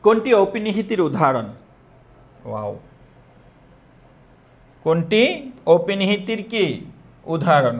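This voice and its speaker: A young man with a Bangladeshi Bengali accent teaching a live online exam-prep class, repeating questions and quizzing students. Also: fairly high pitch.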